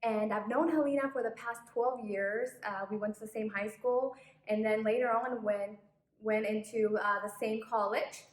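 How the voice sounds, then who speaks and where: A woman in her late twenties hosts a relaxed channel interview, chatty and friendly, with plenty of fillers. Her voice sits a bit high, and it echoes in the room. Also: moderate pace. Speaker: channel host. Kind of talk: casual video interview.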